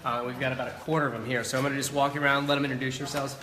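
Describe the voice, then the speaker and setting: American male host, rapid casual delivery, mid-range voice, echoey noisy room. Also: medium pitch, little pitch movement. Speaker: host, hairdresser. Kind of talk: casual live event hosting. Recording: echoey salon with clear background noise.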